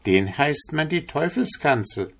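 A man's voice: on the high side, expressive, unhurried, a bit bright, voice pushed up, exaggerated voice. A chatty tailor's wife, voiced by a man reading the tale, lifts her voice well above his own and explains the way in a helpful tone. It sounds like a storybook reading.

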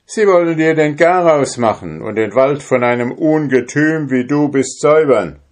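A man's voice: on the high side, normal speed, pitched above the performer's own voice, natural voice. A man doing a fearless, cunning young drummer.

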